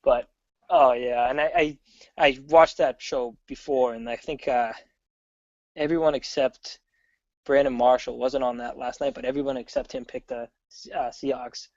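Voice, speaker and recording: A man chatting casually as a guest, an excitable fan who rambles and restarts often, heard over a dull remote call. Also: mid-range voice, normal speed, creaky, no echo. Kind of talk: casual sports chat.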